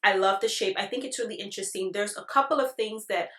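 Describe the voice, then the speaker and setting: A woman's voice: mid-range voice, fast, a bit bright. A woman giving a casual product review, chatting directly to her viewers in an informal way. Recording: echoey, roomy sound.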